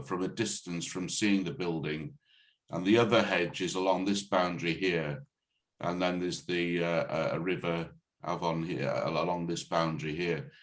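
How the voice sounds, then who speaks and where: A man speaking as a planning officer, presenting a formal report on a video call in a halting, hesitant way with repeated false starts. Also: sits low. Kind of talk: formal report and answers at a meeting. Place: online video meeting.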